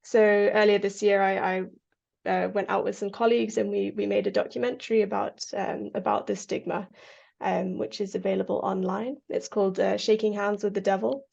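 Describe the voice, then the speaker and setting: A woman from Kenya speaks earnestly as an interviewed Parkinson's researcher, with a gravelly edge to her voice. She talks in halting runs full of fillers and restarts. The audio is dull and lo-fi, as over a video call. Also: mid-range voice, little pitch movement, a little mellow. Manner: earnest, many fillers and restarts, laughs often. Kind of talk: interview answers.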